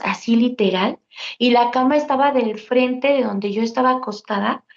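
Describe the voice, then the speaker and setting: A woman, earnestly telling a personal childhood story to an interviewer. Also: high-pitched. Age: 40s. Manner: earnest, vivid, addresses listener directly. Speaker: guest telling a paranormal experience. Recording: dull lo-fi audio.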